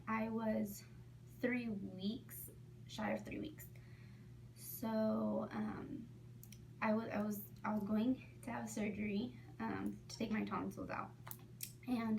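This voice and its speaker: A woman's voice: medium pitch, vocal fry, darkish tone. A young woman in her late teens telling her own story in a casual vlog. She talks chattily with lots of "um" and "like" and often drops to a near whisper. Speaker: vlogger. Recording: distant mic with faint background noise.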